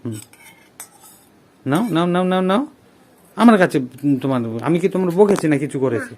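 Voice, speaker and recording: Gently coaxing father, faint hiss. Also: on the high side, lively intonation, brisk. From Bengal. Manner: coaxing, gently lecturing a child. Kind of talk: scripted family drama vlog.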